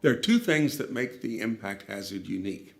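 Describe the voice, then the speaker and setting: A man speaking as an expert interviewee, explaining in a measured, slightly halting way. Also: lowish voice, expressive, gravelly, soft background music.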